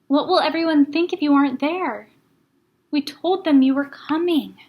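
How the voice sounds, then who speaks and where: A woman reading a children's storybook as a firm, coaxing man, brisk and cajoling. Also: high-pitched, muffled recording, pitched above the performer's own voice, natural voice. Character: firm, coaxing adult man, Mister Hartwell. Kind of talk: children's storybook read-aloud.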